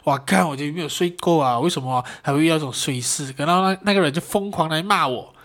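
A man's voice: a little high, fast talker. Young man telling a story on his podcast. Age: young adult. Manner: animated storyteller, self-mocking, swears. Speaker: podcast host. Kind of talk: casual solo podcast storytelling.

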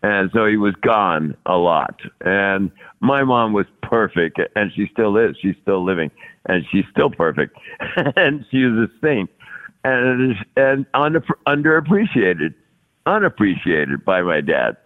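A man in his 60s with a lowish, sing-song voice speaks a little slowly over a tinny, phone-like line. He's a podcast guest in a casual interview conversation, talking at length. He often repeats words and laughs between thoughts.

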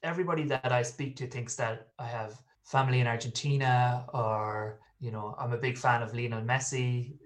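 A man's voice: mid-range voice, steady tone, normal speed, few pauses. West of Ireland man, chatting casually. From Galway, west of Ireland. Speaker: podcast guest, football fan. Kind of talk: casual interview chat, telling personal stories.

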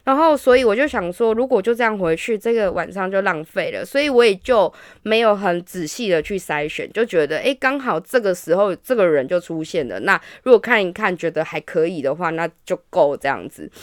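A woman's voice: medium pitch, a little fast, smooth, no echo, studio quality. A woman, a podcast co-host frankly telling stories in casual chat. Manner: frank, animated storyteller.

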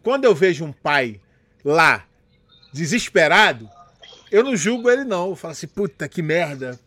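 A man's voice: high-pitched, very animated, normal speed, pushed and bright. A Brazilian man with a Rio accent, a jiu-jitsu coach and father, talking emphatically in casual chat and often asking for agreement. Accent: Rio de Janeiro Portuguese.

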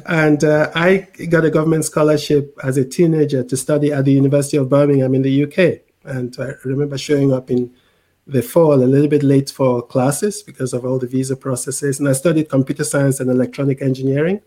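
In a conversational interview, a Cameroonian tech executive in middle age lays out his explanations, often repeating words and asking "right?" His accent is a mix of international influences. The voice is medium-pitched, level and warm, moving fairly quickly.

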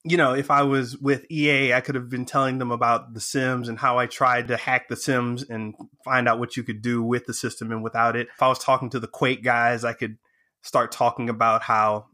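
In fast, excited bursts, a man shares a story as a guest in a casual interview. He performs the dialogue of the people involved, shifting pitch sharply for each quoted voice.

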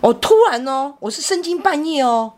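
A middle-aged woman, telling a personal story in casual chat. She talks in an animated way, with many restarts and repeated words. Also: high voice, moderate pace. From Taiwan. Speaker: podcast co-host, mother.

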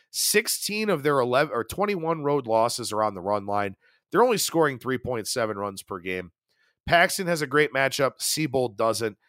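Male betting podcast host, solo analysis, lively pitch, dry close mic. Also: no echo. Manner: rapid stat-heavy delivery, animated.

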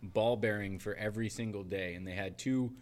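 A man hosting a casual faith podcast, relaxed and chatty as he tells stories and asks questions. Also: on the low side, fairly quick. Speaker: podcast host.

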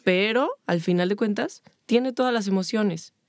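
A woman's voice: mid-range voice, normal speed, a little mellow, dry recording, studio quality. A woman with a Mexican accent talking casually about faith and emotions, stacking up long spoken lists. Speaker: podcast co-host.

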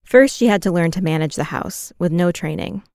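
A woman narrating a documentary podcast in a scripted, measured way. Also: fairly low pitch, expressive, creaky, darkish tone, no echo, studio quality.

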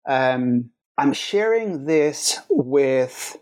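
A Dutch man in his forties, appearing as a podcast guest, reflects on his own life story earnestly and in a measured way, with many pauses and restarts. His mid-range voice is animated and a little mellow.

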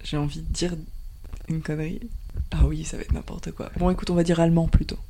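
A woman's voice: sits low, little pitch movement, brisk, vocal fry, mellow, a little hiss or hum. A woman taking part as a guest, hesitant and self-mocking as she guesses.

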